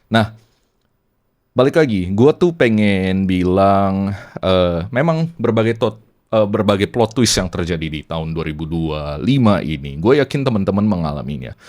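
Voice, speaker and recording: A young man with a Medan accent talks through a relaxed, reflective podcast monologue. His voice sits on the low side. His easy, chatty delivery drops English phrases into his Indonesian. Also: normal speed. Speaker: podcast host.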